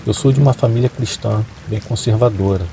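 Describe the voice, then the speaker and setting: Gravelly, low-voiced male storyteller. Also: a little fast, dark tone, a little hiss or hum. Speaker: narrator. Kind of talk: calm storytelling narration over rain sounds. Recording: faint rain sounds behind.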